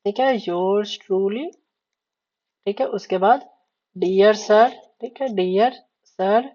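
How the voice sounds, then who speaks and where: A woman teaches beginners in a casual spoken tutorial, explaining each step patiently and checking in often. Her voice sits at a middling pitch. The recording is a little dull and lo-fi. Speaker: shorthand teacher. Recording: slightly dull lo-fi audio.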